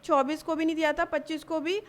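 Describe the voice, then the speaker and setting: High-voiced young woman recounting haltingly. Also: little pitch movement. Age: young adult. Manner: halting, with frequent restarts. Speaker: college student giving testimony. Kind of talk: personal account in a news interview.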